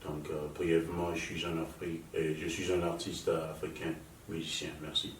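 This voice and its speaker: A man, answering interview questions as a guest musician, in halting, hesitant phrases. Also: rumbling low, level tone. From Nigerian father, raised in Lomé, Togo. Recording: echoey room, mic far off, faint noise.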